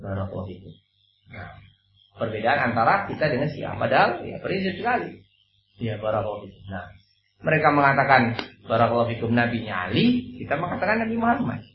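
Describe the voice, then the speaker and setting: Animated preacher man, lo-fi echoey room. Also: mid-range voice, fairly quick, a little hiss or hum. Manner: animated, acts out quoted dialogue, repeats a blessing phrase as filler. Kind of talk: Islamic study sermon.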